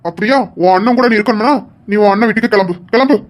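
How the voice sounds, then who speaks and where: A woman voicing an angry young husband who shouts orders at his wife in a home-made audio drama. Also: medium pitch, fast, natural voice. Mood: stern. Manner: shouting, commanding.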